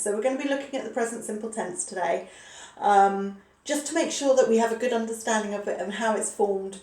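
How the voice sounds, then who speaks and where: A woman's voice: on the high side, a little mellow. A woman in her forties teaching a recorded grammar lesson, patient and repeating key points with a frequent "okay". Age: 40s. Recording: echoey room, voice a bit far from the mic.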